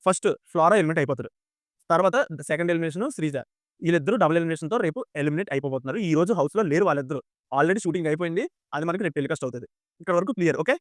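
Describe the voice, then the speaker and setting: A man's voice: high-pitched, fairly bright tone, smooth, no echo, studio quality. A man giving casual commentary on a reality show, firing rhetorical questions at his viewers. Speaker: YouTube commentator.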